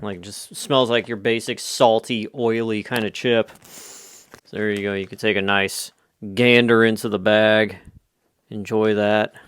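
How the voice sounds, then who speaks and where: A man's voice: fairly low pitch, fairly even intonation, a little slow, fairly bright tone, clear, resonant tone. An American man chatting casually through a food review in a rambling, offhand, conversational way. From United States. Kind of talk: casual off-the-cuff review chat.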